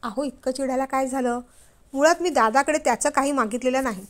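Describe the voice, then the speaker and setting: A worried young wife who coaxes and argues her case, voiced by a woman narrator. The tone is pleading and persuasive, set high in pitch. It is told as a spoken story. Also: moderate pace, a bit bright. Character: worried young wife, coaxing then defiant.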